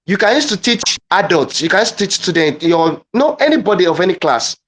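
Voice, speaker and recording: A man with a slightly raised pitch leads a live online lesson demonstration. He talks haltingly, often restarting and repeating phrases as he works out the wording. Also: sing-song, a bit bright. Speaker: guest presenter. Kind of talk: live online teaching demo.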